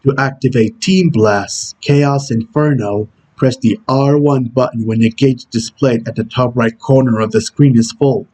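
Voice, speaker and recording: Man doing a husky Shadow impression, stern game antihero. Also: medium pitch, steady tone, measured pace, hardly any pauses, mellow, lightly acted. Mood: stern, instructional. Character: Shadow, brooding male video game antihero giving tutorial hints. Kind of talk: character impression reading game tutorial instructions.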